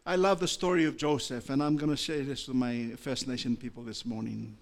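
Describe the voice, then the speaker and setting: A pastor with an Australian accent gives a sermon that goes from low, measured speech to loud, impassioned preaching, his voice creaky and his tone steady.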